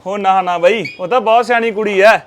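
A man's voice: high-pitched, fairly even intonation, a little fast, a little hiss or hum, natural voice. A man playing a friendly young mechanic who reassures and explains. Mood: earnest. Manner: easygoing, reassuring. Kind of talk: Punjabi short film acting.

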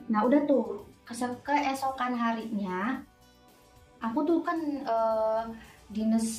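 A young woman, telling an animated storytime while doing her makeup, recorded in a roomy indoor space from a distance with faint music. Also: fairly high pitch. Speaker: nurse vlogger.

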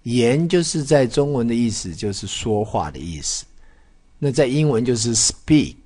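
A man teaching a children's Chinese lesson, drawing out syllables slowly when modelling pronunciation and mixing in English words. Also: mid-range voice, very animated, mellow, husky. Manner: switches between Mandarin and English words.

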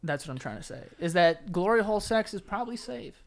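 A young man co-hosting a podcast, casual crude banter with animated, quick interjections, on a desk mic in a small studio. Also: sits high, vocal fry. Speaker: podcast co-host. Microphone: desk-mounted podcast mic, headphones.

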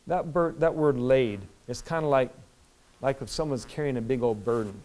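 A man preaching a sermon as pastor, moving between quiet explaining and loud, emphatic preaching, often repeating words and restarting phrases. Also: medium pitch, normal speed.

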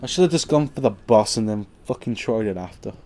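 A young man giving casual let's-play commentary on his game, sarcastic and swearing, with sudden loud outbursts at the game. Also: on the low side, lively intonation, fairly quick. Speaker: gameplay commentator.

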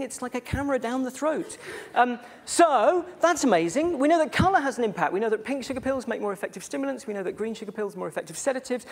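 A British man giving a conference talk on bad science, chatty and sarcastic, with many fillers and asides. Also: high-pitched. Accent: British English. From Britain. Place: conference stage before an audience.

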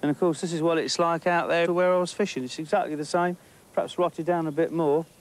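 A middle-aged Englishman, an angling presenter, talks to camera while fishing and exploring a lake bank outdoors. His slightly high voice moves fairly quickly with fairly even intonation. He's chatty and enthusiastic, thinking aloud with small restarts as he gives nature commentary.

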